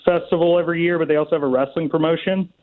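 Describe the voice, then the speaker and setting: A man calling in to pitch a show over an online call, speaking in a laid-back, self-assured casual way. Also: steady tone, very fast. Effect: heard through an online call line. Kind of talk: casual chat. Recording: tinny call-in audio.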